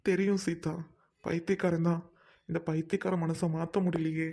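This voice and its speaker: A woman playing a gentle, devoted unmarried man who still loves his old sweetheart, speaking softly and earnestly in amateur drama acting. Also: on the low side, flat delivery, moderate pace. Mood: tender. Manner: soft, consoling, earnest.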